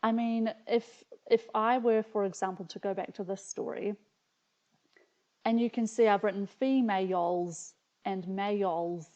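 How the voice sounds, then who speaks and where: Her voice is on the high side with a dark tone: a woman with a New Zealand accent hosting a video where she reads her childhood stories aloud and chats casually. She comes across as hesitant, reflective and amused, through slightly muffled audio.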